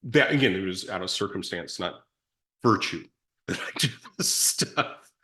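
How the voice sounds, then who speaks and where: This guest in recovery, a middle-aged man, has a big, loud voice that sits low and stays animated and unhurried. He tells his story reflectively, rambling, restarting often and poking fun at himself.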